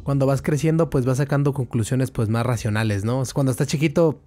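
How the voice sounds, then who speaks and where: A man's voice: mid-range voice, quick pace, warm tone, faint music behind. A man hosting a podcast, asking questions and reasoning aloud in casual talk. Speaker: podcast host. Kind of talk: casual interview.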